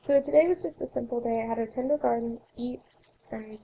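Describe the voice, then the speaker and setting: A raspy young woman with a cold talks casually over her game footage, rambling and often correcting herself. Her voice sits a bit high but sounds dark and gravelly, and a faint hiss runs underneath. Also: brisk, rough recording. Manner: chatty, rambling, self-correcting. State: coughing, sore throat. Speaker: let's play host. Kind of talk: casual gameplay narration.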